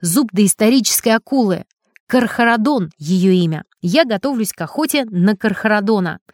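A woman's voice: mid-range voice, expressive, normal speed, a little mellow, no room sound, natural voice. A woman voicing a bold, boastful adult male diver in a storybook reading, eager and commanding, in a dry close recording. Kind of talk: storybook character voice.

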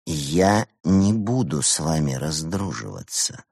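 A man voicing a quiet but firm male figure defending a friendship. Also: low voice, expressive, a little slow, breathy edge, no room sound, heavily acted. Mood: indignant.

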